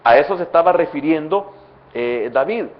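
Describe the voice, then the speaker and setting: Salvadoran pastor preaching, loud then soft. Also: male voice, lively intonation, normal speed, lo-fi sound. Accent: Salvadoran Spanish. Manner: swings between loud emphatic bursts and soft low asides. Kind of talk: sermon. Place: church.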